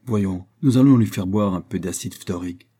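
Man reading as an old chemist, exclaiming, husky, dark-toned, storybook reading. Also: low voice, moderate pace. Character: aged male chemist, weary, then eager.

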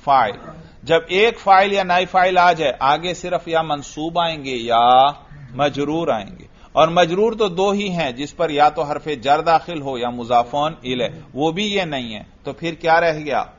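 A man teaching an Arabic grammar lesson, questioning a student and repeating the answers. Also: on the high side. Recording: dull lo-fi audio.

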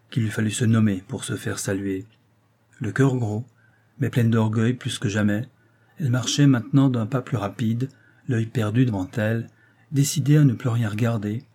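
A man narrates a classic novel in a measured, even storytelling manner. His voice is dark and mellow, with a husky, slightly breathy grain. He keeps a steady reading pace throughout. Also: lowish voice. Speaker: audiobook reader.

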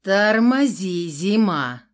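A woman voicing a gruff young man who is a thug's friend, talking curtly. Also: fairly high pitch, animated, moderate pace, natural voice. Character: gruff male thug's friend, trying to calm things.

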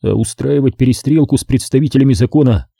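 Husky mellow male audiobook narrator. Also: medium pitch, fast, no room sound, clean studio sound. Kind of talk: scripted narration.

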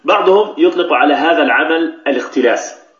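A man's voice: on the high side, fast talker, a bit bright. A man teaching Quran recitation rules, explaining patiently and repeating key phrases. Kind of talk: tajweed lesson with recited examples. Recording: echoey, dull lo-fi recording.

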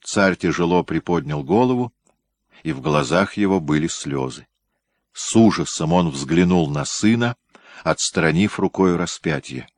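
A man with a very low, deep voice reads a novel aloud. His narration is even and measured. The sound is dry and close, with no room echo. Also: vocal fry. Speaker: audiobook narrator. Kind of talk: scripted narration.

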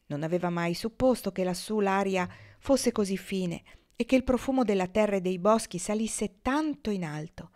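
A woman reading a children's story aloud with a mid-pitched voice. Her narration is lively and expressive, rising with the action. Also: normal speed. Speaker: audiobook reader.

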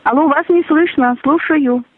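A woman's voice: high voice, moderate pace, dry recording. A woman's voice sounding like a glitchy robotic call, repeating the same canned phrases over and over whatever the reply. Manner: repeats the same stock lines regardless of replies. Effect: canned looping phrases played over a call, glitchy and robotic. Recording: tinny phone line.

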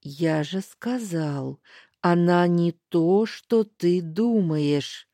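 A woman voicing a blind, caring man who speaks in a measured, steady way. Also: on the low side, no room sound, clean studio sound, full character voice. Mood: grave. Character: blind, calm, caring man from another world.

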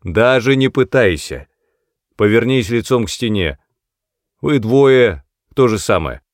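A man reading the part of a commanding male police lieutenant who barks loud, clipped orders in an audiobook. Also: medium pitch, expressive, normal speed, dry recording, studio quality, voice pushed up, lightly acted.

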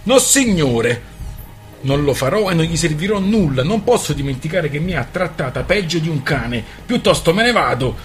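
A man voicing a young female servant in a read-aloud story, speaking loud and indignant. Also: on the high side, animated, moderate pace, faint music behind, lightly acted. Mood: defiant.

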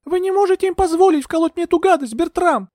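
A man reading an audiobook, voicing a desperate young woman heroine in pleading, shouted protests. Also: very high-pitched, fast, dry recording, clean studio sound, pitched above the performer's own voice. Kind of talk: audiobook character voice.

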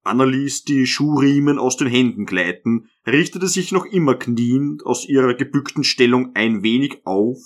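A man reads a classic novel aloud in a steady, measured voice of middling pitch. His narration is calm and even, setting out long sentences with care. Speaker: audiobook narrator. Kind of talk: literary audiobook narration.

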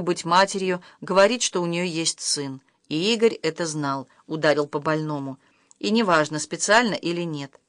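A woman narrating a novel in a measured, even storytelling manner. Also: lowish voice, dry recording, studio quality. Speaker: audiobook narrator.

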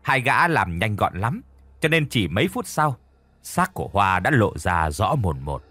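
A man's voice: lowish voice, big pitch swings, unhurried, sharp tone. A man narrating a horror story in a vivid, dramatic style.

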